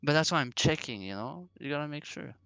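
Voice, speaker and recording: A man's voice: on the high side, animated, a little fast, gravelly, sharp tone, smooth, no echo. A man player in a tabletop game, easygoing and rambling as he checks the rules. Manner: easygoing, rambling, lots of fillers. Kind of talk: casual tabletop game chat.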